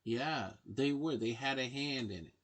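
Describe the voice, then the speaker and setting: A man's voice: medium pitch, a little slow. A man who works as a counselor, giving emphatic, preachy advice to parents and asking rhetorical questions. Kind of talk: direct-to-camera advice talk.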